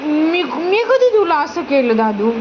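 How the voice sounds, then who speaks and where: Woman, high voice, mother gently coaxing her child on a home vlog. Dull lo-fi phone audio. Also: sing-song, a little slow, noisy background. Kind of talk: casual family vlog chat.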